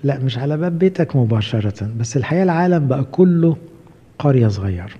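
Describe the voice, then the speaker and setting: A man's voice: medium pitch, expressive, fast, dark tone, slightly rough. A man with an Egyptian Arabic accent, a priest giving a conversational sermon and often asking his listeners questions. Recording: muffled hall recording with long reverb.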